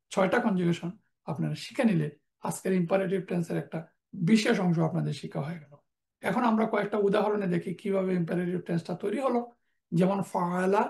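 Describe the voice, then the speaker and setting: Woman teacher going thru arabic verb forms one by one, slide lecture, steady and methodical. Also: medium pitch. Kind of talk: online lecture over slides.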